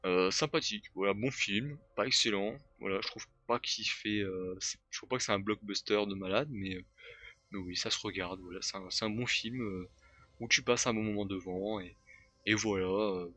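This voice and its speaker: A man's voice: fairly low pitch, normal speed, bright, forceful tone, dry recording. A young man giving casual, hesitant film reviews, with many fillers and restarts. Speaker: YouTuber reviewing films.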